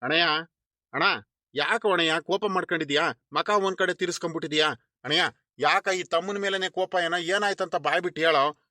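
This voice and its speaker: A man's voice: a little high, a little fast, pushed and bright, no room sound, clean studio sound. A man voicing a well-meaning village landlord who coaxes his elder brother with pleading questions. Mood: coaxing. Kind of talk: animated cartoon voice acting.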